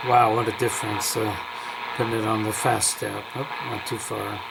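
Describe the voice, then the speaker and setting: Indoors at home, a man works beneath a kitchen-style cupboard, thinking aloud through a casual, unscripted hands-on product review. His voice is fairly low with little pitch movement and a moderate pace. The recording has obvious radio static and background hiss.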